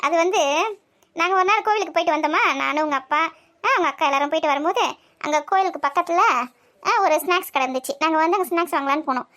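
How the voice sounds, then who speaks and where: A woman's voice: very high-pitched, a bit bright. A woman voicing a busy mother who scolds and teases her two daughters in a comic family skit. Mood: bossy. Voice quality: quick, bossy and teasing.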